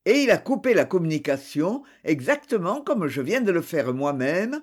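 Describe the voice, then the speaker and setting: Reader voicing a measured older prosecutor. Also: mid-range voice, very animated, breathy edge. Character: composed middle-aged male prosecutor.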